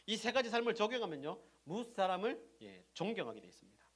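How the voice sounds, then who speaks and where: A middle-aged man preaching a sermon as pastor, asking the congregation questions and answering them himself, moving between loud emphasis and soft, low asides. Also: very animated, brisk.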